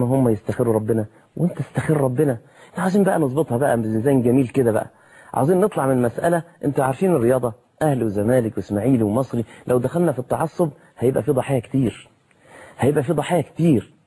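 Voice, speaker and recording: Fast-talking husky Egyptian preacher. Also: male voice, medium pitch, dark tone. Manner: colloquial, full of rhetorical questions. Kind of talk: televised sermon.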